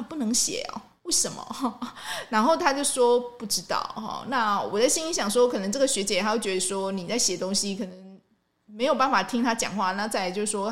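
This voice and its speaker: Woman podcast host, casual story monologue, animated with acted-out quotes. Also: mid-range voice. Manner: animated, acts out quoted dialogue in shifting tones; frequent light "ha" tag at ends of phrases.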